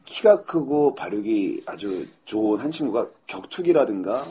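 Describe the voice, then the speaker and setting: A young man telling a funny school memory in a casual chat, animated and laughing as he acts out classmates. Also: lowish voice, normal speed, husky. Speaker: podcast storyteller.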